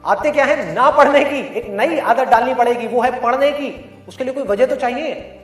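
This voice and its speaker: Emphatic high-voiced man giving a motivational talk. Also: normal speed. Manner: emphatic, full of rhetorical questions. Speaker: motivational speaker. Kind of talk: motivational session for students. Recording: roomy, distant mic, faint music underneath.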